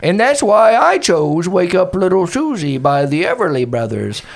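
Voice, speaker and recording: A woman playing a sweet, bawdy old retirement home lady in a tabletop game, unhurried and matter-of-fact, on a noisy recording. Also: on the low side, big pitch swings, creaky, full character voice.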